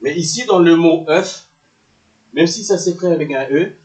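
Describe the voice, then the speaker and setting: A man's voice: a little high, moderate pace, darkish tone. A man teaching a lesson, patiently repeating words and often checking with "ok?". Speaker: English teacher. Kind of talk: slow classroom-style lesson in French. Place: room with a whiteboard. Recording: echoey room.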